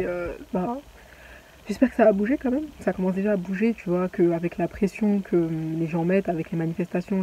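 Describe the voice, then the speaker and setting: A woman's voice: on the low side, mellow, low-quality recording. A young woman vlogging casually, rambling with many fillers and restarts. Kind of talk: casual chatty vlog.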